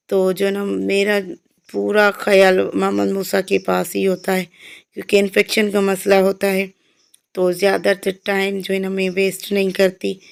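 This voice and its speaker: A woman's voice: mid-range voice, vocal fry. A young woman narrating her vlog in a casual, chatty, meandering voice-over full of fillers. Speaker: vlogger.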